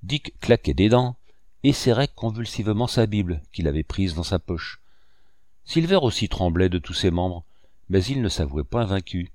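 A man reading a classic novel aloud as an audiobook narrator, in a steady, measured way. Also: deep voice, no echo, studio quality. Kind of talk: scripted narration.

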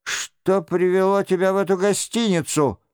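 A man reading the part of a stern lawyer who questions a captive with cold, clipped questions in a low, muffled voice. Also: fairly even intonation, moderate pace, darkish tone, smooth, no room sound, studio quality, natural voice. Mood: menacing. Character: stern menacing male lawyer interrogating at swordpoint. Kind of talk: audiobook character reading.

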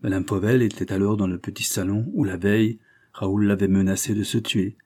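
A man reading a classic novel aloud in a steady, measured audiobook narration. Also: lowish voice.

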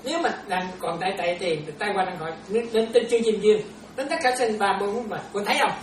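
A woman's voice: medium pitch, quick pace. Woman giving a chatty dharma talk. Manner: chatty, keeps checking listeners follow. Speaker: Buddhist nun teaching disciples. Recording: roomy, distant, noisy room recording.

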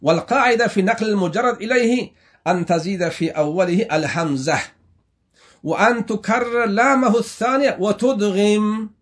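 A man from Afghanistan with a fairly high voice gives a classroom lesson. He keeps putting questions to the class and answering them himself, repeating each term. His delivery is halting, with frequent restarts. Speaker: religious teacher.

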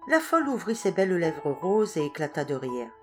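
A woman narrating a literary story in a measured, expressive reading voice. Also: on the low side, soft background music. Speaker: audiobook reader. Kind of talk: scripted narration.

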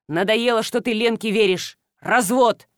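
A woman reading an audiobook, voicing a hot-tempered middle-aged male farmer who talks loud, scolding and mocking. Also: fairly high pitch, unhurried, no echo, studio quality, close to an everyday voice. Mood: angry. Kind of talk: audiobook dialogue.

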